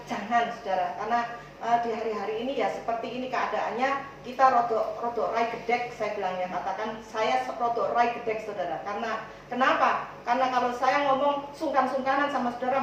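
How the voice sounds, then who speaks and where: A woman's voice: a little high, a little hiss or hum. A woman pastor with an East Javanese accent giving chatty church announcements, constantly addressing the congregation and acting out little dialogues. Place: church hall. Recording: echoey church hall from far off.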